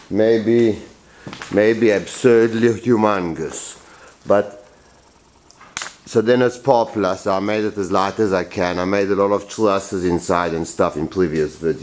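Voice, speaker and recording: A man in his forties giving a rambling, blunt workshop tour in a large wooden boat shed, filming himself with a handheld camera. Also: sits low. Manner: rambling, blunt and animated, with many restarts. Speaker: boatbuilder vlogger. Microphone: handheld camera at arm's length.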